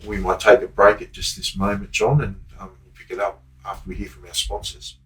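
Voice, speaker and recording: A man's voice: lowish voice, little pitch movement, a little fast, a bit bright, rough recording. An Australian man hosting an interview, prompting his guest with short questions and interjections. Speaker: podcast host. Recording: background music bed.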